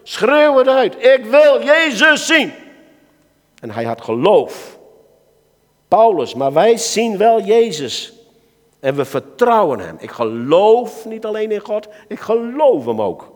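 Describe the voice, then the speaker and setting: A man with a Dutch accent preaching a sermon to a church gathering, swinging between soft asides and loud calls to his listeners. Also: high voice. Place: church hall. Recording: reverberant hall.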